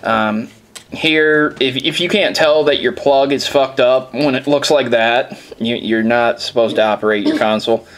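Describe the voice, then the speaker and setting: A man's voice: medium pitch, a little slow, a bit bright. A man hosting a video, making casual, profane jokes about old manual pictures and laughing at his own remarks. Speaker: video host. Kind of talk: casual commentary on a game console manual.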